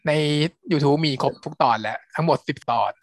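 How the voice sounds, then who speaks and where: A man co-hosting a podcast, retelling a series plot in a relaxed, meandering way. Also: a little high, normal speed. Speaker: podcast co-host, series reviewer. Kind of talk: casual review chat.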